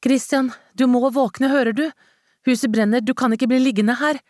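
A woman narrator voicing a frightened woman who cries out in shrill, desperate panic. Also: steady tone, dry recording, clean studio sound, close to an everyday voice. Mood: frantic. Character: frantic, frightened woman fleeing a fire. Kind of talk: audiobook character voice.

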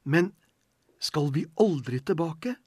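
Brief: man voicing a frail sick girl, whiny and pleading, devout, lifted pitch, husky tone, storybook reading. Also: expressive, mellow, dry recording.

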